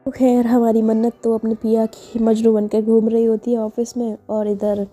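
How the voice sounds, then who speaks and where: A woman tells a story casually, chatting and adding asides. Her voice is very mellow and fairly high, with a flat, even line, and faint music sits behind her. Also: moderate pace. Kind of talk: casual spoken story narration.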